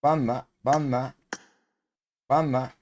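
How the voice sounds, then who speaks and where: A Turkish man giving casual commentary while opening crates in a mobile game, excitable, chanting repeated words and coaxing his cat. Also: mid-range voice, slow pace, slight background noise.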